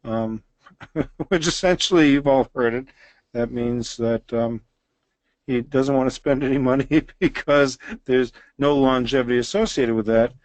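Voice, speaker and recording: A man's voice: mid-range voice, unhurried, darkish tone, no room sound. A man in his sixties giving a lecture that walks listeners through a dental case. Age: 60s. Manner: explanatory, walks through images step by step.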